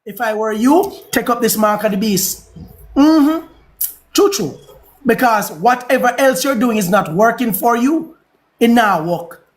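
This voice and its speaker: A man with a Jamaican accent hosting a livestream, delivering a preachy, repetitive, heated monologue. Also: high voice. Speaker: livestream host.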